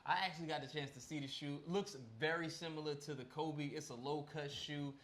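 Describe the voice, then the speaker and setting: A man's voice: fairly high pitch, fairly even intonation, brisk, fairly bright tone. A man co-hosting a podcast, chatting casually and animatedly about basketball, often asking questions. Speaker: podcast co-host. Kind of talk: casual sports chat.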